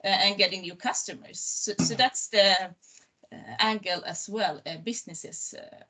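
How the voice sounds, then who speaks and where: A woman gives a short panel presentation in a bright, sharp voice. She hesitates and doubles up her words, keeping a mid pitch. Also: moderate pace. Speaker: panel guest, mentor.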